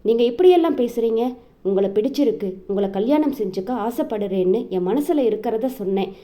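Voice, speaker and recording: A woman's voice: on the high side, lively intonation, a little fast, dark tone, close to an everyday voice. A woman reading the lines of a young woman in a story who earnestly pleads her love. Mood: pleading.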